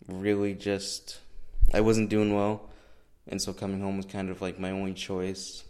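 A man's voice: sits low, a little mellow. A young American man chatting casually and solo as a podcast host, rambling, self-deprecating and sweary, recorded in an echoey garage. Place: indoors in a garage. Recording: echoey garage room sound, breath pops.

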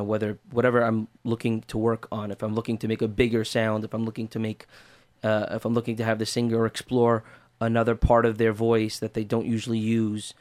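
A man who teaches voice, speaking in a lowish register with very little rise and fall. He answers interview questions earnestly, laying out his method step by step.

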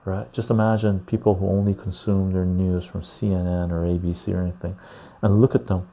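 A man hosting a casual live stream into a clip-on lapel mic, chatting to viewers in a chill, husky, gravelly voice. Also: deep voice, flat delivery, warm tone. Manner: chill, unhurried talk addressed to viewers. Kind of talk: casual livestream chat.

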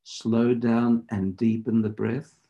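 A man teaching meditation in deliberate, measured phrases, in the instructive style of a spiritual lecture and guided practice. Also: mid-range voice, level tone, dark tone, lo-fi sound.

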